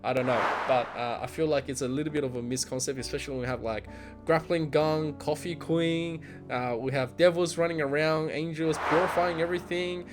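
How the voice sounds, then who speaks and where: A man hosting a casual video-game trailer reaction, talking excitedly, laughing often and imitating lines he hears. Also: on the high side, brisk, music in the background. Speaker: gaming video host.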